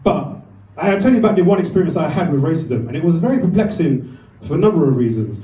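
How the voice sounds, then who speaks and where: A man's voice: fairly high pitch, lively intonation, fast, mellow. A man, doing a rambling, self-deprecating stand-up set in a comedy club. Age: 40s. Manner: rambling, self-deprecating, acts out voices with swearing. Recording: echoey room, mic from far off.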